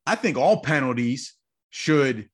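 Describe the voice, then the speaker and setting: A man's voice: mid-range voice, lively intonation, slow pace, slightly rough. A man co-hosting a sports podcast, debating in a fired-up, rambling way and repeating himself as he talks. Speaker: podcast co-host.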